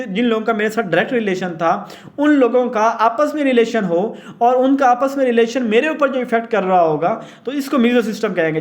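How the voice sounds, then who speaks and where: A man teaching a theory lesson, mixing in English terms and often checking "theek hai na" with the listener. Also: sits high. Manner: mixes English terms and read English lines into speech. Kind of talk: lecture explaining theory.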